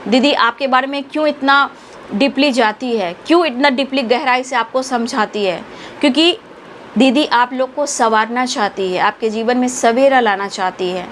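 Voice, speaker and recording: A woman's voice: on the high side, moderate pace, a bit bright, a little hiss or hum. A woman tarot reader, giving spiritual guidance to her viewers in an earnest, affectionate, preachy way.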